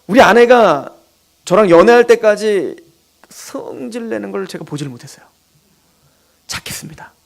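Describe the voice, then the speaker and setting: High-voiced, animated male preacher. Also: normal speed, vocal fry. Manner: animated, emphatic preaching with asides. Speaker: pastor. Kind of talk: sermon.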